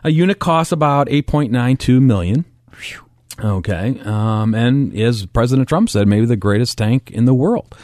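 A male radio host chatting casually and haltingly, often checking in with "you know" and "right". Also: mid-range voice, lively intonation, darkish tone, no room sound, clean studio sound. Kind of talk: casual co-hosted radio chat. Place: dry radio studio.

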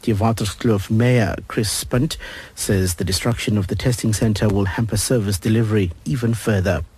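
Husky, low male newsreader. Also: steady tone, normal speed, a little mellow. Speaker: radio news reader. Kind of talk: scripted news bulletin.

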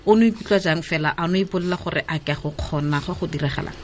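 Female radio host, South African Sotho-Tswana accent, lower register, conversational interviewing style. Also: racing, slight background noise. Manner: prompts guest with frequent murmured acknowledgements.

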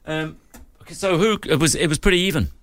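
A man with an Irish accent hosting a radio sports show, bantering in a jokey, quick-witted way. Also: fairly high pitch, a bit bright. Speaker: radio host. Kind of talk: casual radio chat.

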